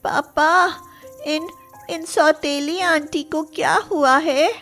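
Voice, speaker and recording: A woman voicing a loving, emotional young daughter with a pleading childlike manner in an animated moral story. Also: high-pitched, slow pace, faint music behind, voice pushed up, exaggerated voice. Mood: worried.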